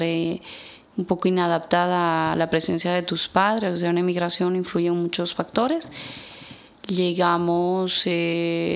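Woman, thirties, Ecuadorian Spanish accent, monotone, gravelly, reflective radio guest. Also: lowish voice. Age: 30s. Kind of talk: personal testimony in a radio interview.

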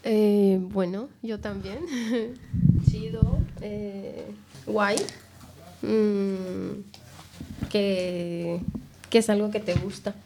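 A woman's voice: mid-range voice, little pitch movement, very slow, gravelly, long pauses, warm tone. A woman with a Bolivian accent in a casual round-table chat, hesitant with many fillers.

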